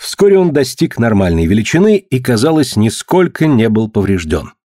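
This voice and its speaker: A man reads a story aloud in a steady, measured narration. His voice sits at a middle pitch. The recording is dry and close, with no room sound. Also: no room sound. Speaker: audiobook narrator. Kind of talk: scripted narration.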